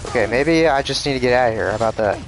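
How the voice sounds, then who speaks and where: A man's voice: mid-range voice, very fast, soft background music. A man casually commenting while livestreaming a video game, muttering frustrated reactions as he plays. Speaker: streamer playing a video game. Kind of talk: casual live gameplay commentary.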